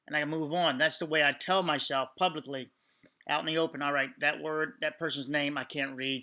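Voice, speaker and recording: A man hosting a reaction video, giving off-the-cuff explanatory commentary with halting, repetitive phrasing. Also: on the high side, sharp tone.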